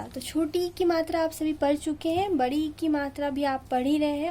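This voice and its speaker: Young teacher lady doing a kids hindi lesson, slow and drawn out, faint room hiss behind. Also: high voice, darkish tone. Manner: drawn-out, stressed pronunciation of syllables for children. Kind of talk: slow classroom video lesson.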